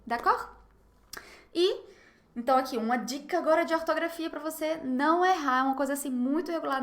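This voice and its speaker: A young Brazilian woman with a Brazilian Portuguese accent who teaches French online, encouraging and repeating words slowly for learners to copy. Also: high voice, fairly bright tone. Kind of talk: online language lesson.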